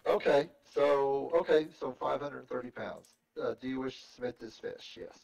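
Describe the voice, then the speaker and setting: Gravelly man, hesitant, lo-fi voice chat. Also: medium pitch, moderate pace, darkish tone, very echoey. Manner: hesitant, asks many questions. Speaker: new player in the game. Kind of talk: casual gaming chat.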